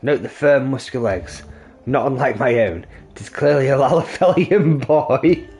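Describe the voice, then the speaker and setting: A man voicing a pompous, self-important gentleman inspector from a video game, speaking in a florid, theatrical way. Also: medium pitch, moderate pace, faint music behind, close to an everyday voice.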